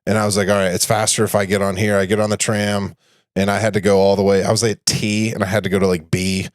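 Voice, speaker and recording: A man's voice: lowish voice, fast talker, no room sound, clean studio sound. A man co-hosting a podcast, telling a story in casual chat and acting out what he said along the way. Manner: animated, acts out his own lines in quotes. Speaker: podcast co-host.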